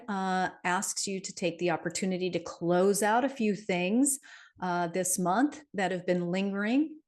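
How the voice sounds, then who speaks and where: A woman's voice: medium pitch, darkish tone. Chatty woman numerologist. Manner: chatty, frequent "right?" and fillers, light laughs. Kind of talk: casual monthly forecast talk.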